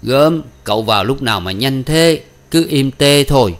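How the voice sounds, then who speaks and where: A man's voice: medium pitch, animated, normal speed, voice pushed up, lightly acted. A man reading an audiobook, voicing a good-humored older village man who teases in a raised voice. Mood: teasing. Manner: teasing, chuckling.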